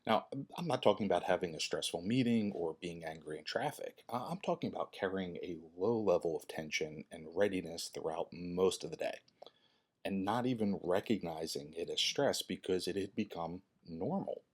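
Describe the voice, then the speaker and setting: A man in his fifties talking to viewers in a personal vlog, earnest and halting, often restarting his words. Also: low-pitched. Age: 50s. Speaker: fitness channel creator and host.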